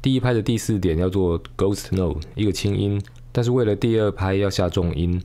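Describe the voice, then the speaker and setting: A man teaching drums, calmly explaining technique step by step. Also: deep voice, fairly quick. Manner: calm, patient, step-by-step explaining. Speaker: drum teacher. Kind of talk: instructional explanation. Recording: faint drum music in background. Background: drum kit playing.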